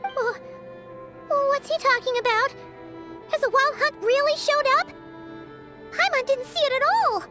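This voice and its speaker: A woman voicing Paimon, a small excitable fairy companion who refers to herself in the third person, in a video game. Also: very high voice, a little slow, pauses often. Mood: alarmed. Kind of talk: game voice acting. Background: game music.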